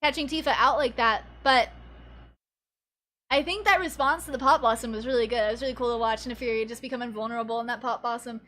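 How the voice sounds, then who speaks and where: A woman's voice: fairly high pitch, quick pace, fairly bright tone. A young woman from the Pacific Northwest giving chatty, giggly commentary on an esports match, tired from the early hour. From Pacific Northwest, USA. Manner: chatty, giggly, reads chat aloud. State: sleepy early in the day. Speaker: esports co-streamer. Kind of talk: casual game commentary.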